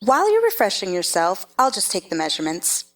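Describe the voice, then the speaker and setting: A woman's voice: medium pitch, wildly swooping pitch, brisk. A woman playing a haughty, bossy chess-piece queen who gives imperious, scolding orders in a theatrical stage-play reading. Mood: brisk, condescending. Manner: imperious, clipped commands, scolding.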